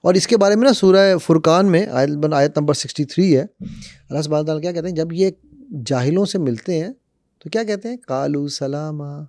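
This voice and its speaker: This podcast guy, a conflict management speaker, brings real energy to his storytelling, voicing the quotes himself in conversation. He has a kind of high voice, and the room is completely dead with no ambient sound.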